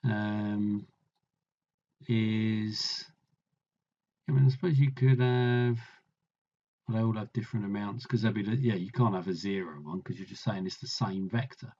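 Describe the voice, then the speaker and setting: Slow, musing man working through maths. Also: lowish voice, fairly even intonation, mellow, lo-fi sound. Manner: slow, musing, talks to himself, trails off mid-sentence. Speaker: maths tutor working through an exam problem. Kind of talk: thinking aloud while solving a maths problem.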